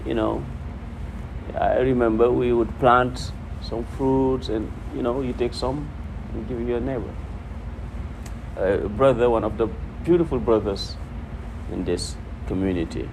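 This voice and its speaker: Teaching hadith to a congregation, this preacher uses a gravelly, mid-range voice at a measured pace. His talk is informal, he quotes Arabic, and he repeats phrases to drive points home, all over a steady background hum in a noisy room.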